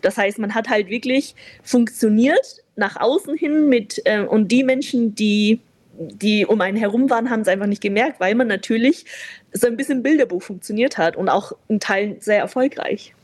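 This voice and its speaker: A young woman born in China speaks as a guest in a candid conversation, sounding reflective and open, with lots of fillers and easy laughter. Her voice is medium-pitched, a little mellow, and moderately paced.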